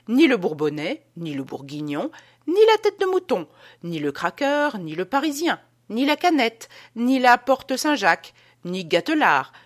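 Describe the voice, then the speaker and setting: A woman's voice: medium pitch, voice pushed up. Woman voicing a bellowing, exalted drunken man. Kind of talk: audiobook character voice.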